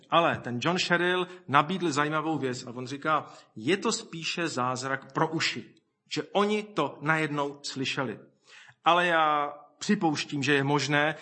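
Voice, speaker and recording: A man preaching a sermon, reflecting aloud, reading scripture and quoting people in lively voices. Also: a little high.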